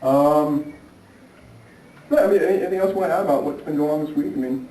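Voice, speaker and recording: Casting: man, vlog host, mellow tone, hesitant chatty delivery, recorded from afar in an echoey room. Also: on the high side, fast. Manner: hesitant, many fillers and restarts. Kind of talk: casual travel vlog chat. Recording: echoey room, distant mic, faint noise.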